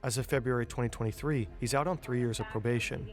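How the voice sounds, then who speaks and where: A man's voice: mid-range voice, fast talker. A man reading scripted documentary narration as the narrator. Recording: music bed behind narration.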